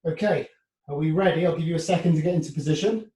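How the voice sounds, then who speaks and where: A man's voice: on the high side, fast talker, mellow. A man coaching a workout as an instructor, giving short clipped commands, counts and form cues with encouraging check-ins. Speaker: fitness instructor. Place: indoor room, heard from a distance. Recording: echoey room, far from mic.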